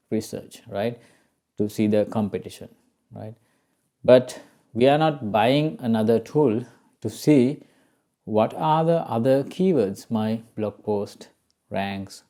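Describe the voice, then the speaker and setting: This SEO tutorial host speaks with a Sri Lankan accent and a dark tone at medium pitch. He presents his informal walkthrough step by step, constantly checking on the listener with "right?" and "okay?"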